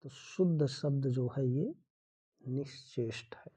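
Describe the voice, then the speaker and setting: A man's voice: medium pitch, slow, warm tone, husky. A man teaching a Hindi grammar lesson for an exam, going through the answers one by one in an explanatory way.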